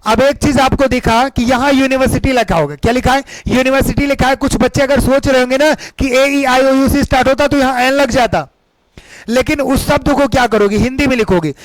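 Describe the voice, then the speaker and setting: A man with a strikingly high voice gives an exam-prep English lesson. He teaches with emphasis, repeats his points and keeps asking the class questions, recorded dry and close to the mic. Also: brisk, no room sound, rough recording. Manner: emphatic, repeats questions to students, calls them beta.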